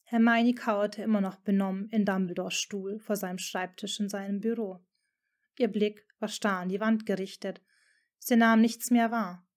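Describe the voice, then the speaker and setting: A woman's voice: mid-range voice, fairly even intonation, moderate pace, a little mellow. A woman reading a fan-fiction story aloud as dramatic audiobook narration.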